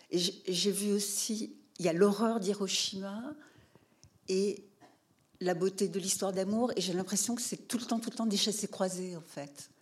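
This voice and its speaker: A woman in the audience at a public talk sharing her view hesitantly, with many pauses and fillers, and calling herself shy. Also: medium pitch. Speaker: audience member. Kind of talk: question-and-answer remark at a public talk.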